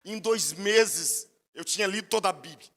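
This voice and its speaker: A Brazilian man preaching a sermon with a bright, forceful voice, set a little high for a man. He tells his stories with sweeping, emphatic rises, and his words ring out with a long hall reverb behind them. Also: moderate pace. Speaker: pastor.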